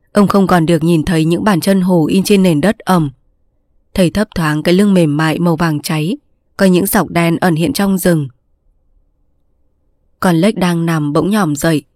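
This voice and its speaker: A woman narrating a story in a steady, measured reading style. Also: fairly low pitch, dry recording, clean studio sound.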